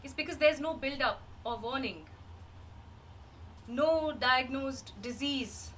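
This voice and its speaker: A woman playing a grieving, wistful woman in a rehearsed reading of a dramatic monologue, measured and halting with long pauses. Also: high voice, a bit bright. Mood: grave, explanatory. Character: grieving woman recalling a dead loved one, wistful and searching. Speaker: actor in a rehearsed reading of a play. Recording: distant microphone, faint background noise.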